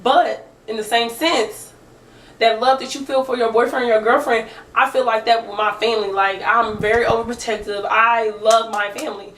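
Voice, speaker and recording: A young woman vlogger telling a story in an animated, chatty way, talking straight to her viewers. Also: a little high, moderate pace, far from the mic. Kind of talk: casual storytime chat. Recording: roomy echo, speaker away from the mic.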